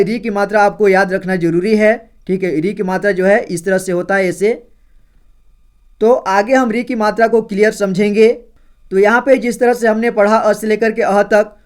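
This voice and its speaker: Male tutor, high clear voice, slow patient delivery, recites syllables with repeated check-ins. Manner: slow, repetitive, often adds "theek hai" and calls viewers friends. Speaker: Hindi teacher. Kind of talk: explaining and reciting Hindi syllables.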